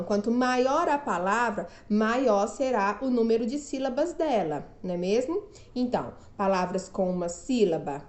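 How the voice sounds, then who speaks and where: Slow, echoey Brazilian schoolteacher woman. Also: medium pitch, darkish tone. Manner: slow, drawn-out syllables, frequent "não é mesmo?". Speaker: teacher. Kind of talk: remote class lesson for children.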